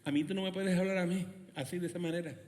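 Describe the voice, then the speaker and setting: A man preaching a sermon as pastor, with impassioned delivery that moves between hushed low passages and loud, high outbursts. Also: fairly even intonation, quick pace. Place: church service in a school building. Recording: reverberant church hall.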